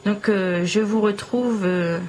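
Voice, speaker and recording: A woman vlogger showing off small trinkets one by one in a slow, admiring show-and-tell. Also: medium pitch, a little mellow, a little hiss or hum, poor audio.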